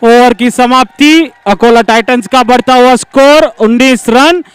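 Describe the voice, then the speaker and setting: A man with a high, exceptionally clear voice announces a live cricket match. He gives scores in formal phrasing, and the sound is dry. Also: a little slow, no echo. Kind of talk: live cricket scoring commentary.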